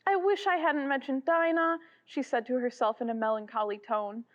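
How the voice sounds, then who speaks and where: A woman's voice: high-pitched, fairly even intonation, normal speed, lo-fi sound, lightly acted. A woman voicing Alice, a curious young girl who is eager, easily upset and talks to herself. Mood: wistful.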